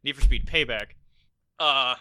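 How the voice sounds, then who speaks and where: An American man co-hosts a podcast, rambling casually about a film with profane storytelling. His medium-pitched voice is pushed and bright, a little slow, with a slight hiss or hum in the audio.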